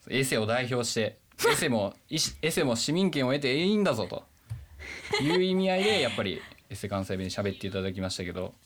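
A man's voice: mid-range voice, animated, fast talker, few pauses, a bit bright, a little hiss or hum. A man from Nagano with a put-on Kansai accent, chatting casually as the scriptwriter and joking at his own expense. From Nagano, Japan. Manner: joking, self-deprecating. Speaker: scriptwriter of a radio drama. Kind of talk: casual panel chat.

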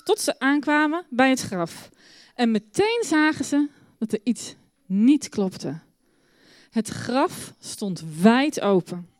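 Lively woman telling a children's Bible story. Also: on the high side, no room sound.

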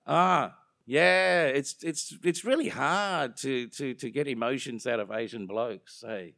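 This young adult man speaks with an Australian accent in a medium-pitched, gravelly, slightly bright voice, taking things a little slowly. In the interview he chats casually, rambling, joking, mocking himself, and wandering into tangents. The audio is studio quality with no room sound.

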